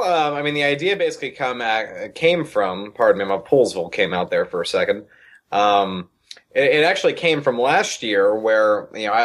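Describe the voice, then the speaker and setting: A man speaking as an activist guest in a casual, rambling conversation. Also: lowish voice. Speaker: interview guest, political activist.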